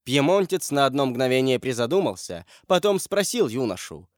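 A man narrating a historical novel audiobook in a measured, dramatic way. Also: mid-range voice, very animated, no room sound, clean studio sound.

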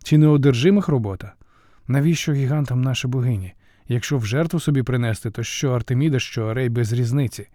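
A man's voice: medium pitch, fast talker, mellow, dry recording, lightly acted. A man voicing a sly male trickster god grumbling sardonically to himself. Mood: sardonic. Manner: dry, grumbling inner muttering.

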